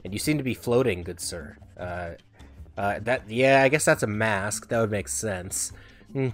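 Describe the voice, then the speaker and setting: A man's voice: fairly low pitch, unhurried, soft background music. A man giving casual let's-play commentary in a chatty, giggly, rambling way with many fillers. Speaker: gaming video host.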